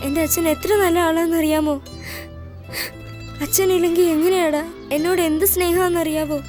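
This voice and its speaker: A woman's voice: extremely high pitch, little pitch movement, moderate pace, a little mellow, faint music behind. A woman dubbing a chatty, sassy six-year-old girl in a film, with a bossy, whiny manner. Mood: upset.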